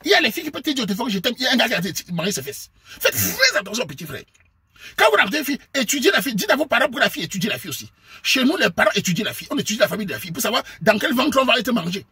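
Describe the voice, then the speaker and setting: A man from Cameroon with a Cameroonian French accent, delivering a preachy, scolding monologue to his viewers and sometimes bursting into shouts. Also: very high-pitched, sing-song, racing, husky, no echo. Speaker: online commentator.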